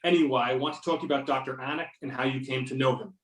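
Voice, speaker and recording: Speaking very fast with a mid-range, fairly even voice, a man gives a lightly acted turn as a confident, sardonic FBI agent in amateur readers theater. His pointed questioning feels stern and needling. A distant videoconference or conference-call microphone leaves a roomy echo.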